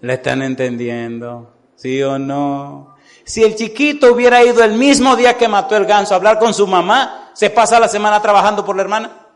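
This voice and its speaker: A male preacher telling a story in a sermon, animated, who keeps asking his congregation to answer yes or no. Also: high voice, moderate pace. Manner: animated, repeatedly asks the congregation "sí o no".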